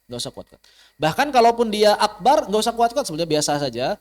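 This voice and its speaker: A man teaching a recorded online tajwid class, explaining rules casually and repeating key points for emphasis, then chanting example verses slowly and melodically. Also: sits high, very animated.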